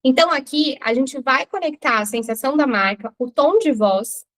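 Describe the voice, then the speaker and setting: A woman's voice: sits high, expressive, moderate pace, fairly bright tone. A Brazilian woman teaching a recorded branding class, explaining step by step and asking her students rhetorical questions. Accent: Brazilian Portuguese.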